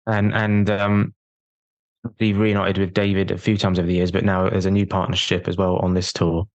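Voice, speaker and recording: A man's voice: low-pitched, completely flat delivery, normal speed, dry recording, lo-fi sound. A man hosting a podcast interview, who asks his questions hesitantly and repeats words as he starts. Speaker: podcast host. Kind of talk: casual interview.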